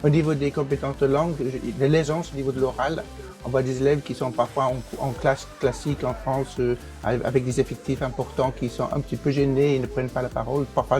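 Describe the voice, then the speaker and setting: In a mid-range, somewhat dark voice, an English teacher who also serves as program director works through interview questions. He's a native English speaker whose answers are full of pauses, fillers and restarts.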